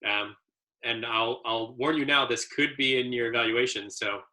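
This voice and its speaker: A man's voice: medium pitch, normal speed, pushed and bright. A man, an adaptive ski instructor trainer, giving a casual training presentation as an easygoing storyteller with many fillers.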